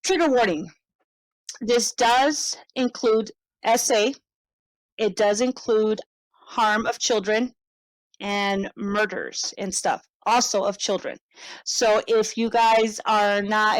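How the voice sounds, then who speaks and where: A woman's voice: medium pitch, dry recording, low-quality recording. A woman in her thirties co-hosting a podcast, chatting casually over a headset, laughing often and swearing freely. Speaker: podcast co-host.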